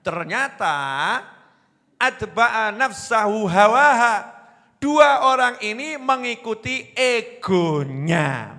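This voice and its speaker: A man's voice: sits high, sharp tone, big-room sound. A man with a Javanese accent preaching a sermon, telling stories animatedly and acting out the voices of the people in them.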